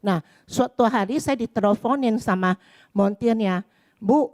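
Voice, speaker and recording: A woman's voice: fairly high pitch, measured pace, darkish tone. A middle-aged woman giving a chatty spoken testimony in church, acting out the dialogue as she tells it. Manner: storytelling, chatty, acts out dialogue.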